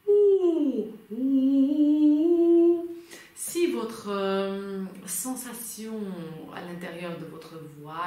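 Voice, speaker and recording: A woman singing teacher guiding a vocal lesson patiently, reassuring and coaching step by step. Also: mid-range voice. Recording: very echoey room.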